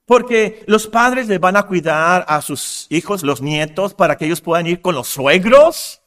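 A man preaching a sermon in earnest, rising and getting louder on key points. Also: high-pitched, animated, unhurried. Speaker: pastor.

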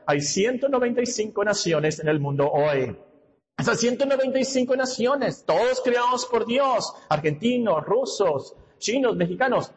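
A man's voice: sits high, long reverb tail, poor audio. A man preaching a sermon in a teacherly, emphatic way, asking questions and answering them himself.

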